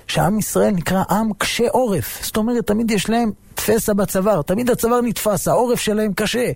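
A man's voice: high-pitched, creaky, a little mellow, no room sound, voice pushed up. A man voicing a curious gentile professor who explains an idea in an amused, lecturing tone.

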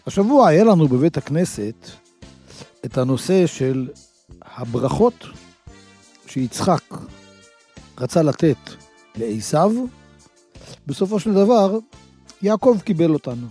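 A man's voice: a little high, sing-song, long pauses, warm tone, husky, faint music behind. A man giving a sermon to listeners, telling stories and asking rhetorical questions. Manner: storytelling, rhetorical questions, checks in with "right?". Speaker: rabbi or preacher.

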